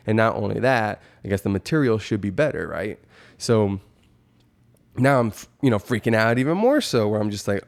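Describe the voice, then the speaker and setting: Low-voiced man rambling through a casual story. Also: a little mellow. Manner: rambling and hesitant, with frequent 'like' and 'you know'. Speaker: amateur stand-up comedian telling of a first open mic. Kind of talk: casual first-person storytelling.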